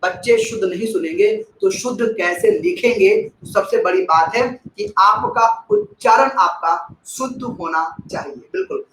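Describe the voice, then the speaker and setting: High-voiced man teaching a live class. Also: moderate pace, vocal fry, hardly any pauses, roomy sound, a little hiss or hum, rough recording. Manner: expressive, repeats key phrases, thanks viewers by name. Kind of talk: live online class with chat replies.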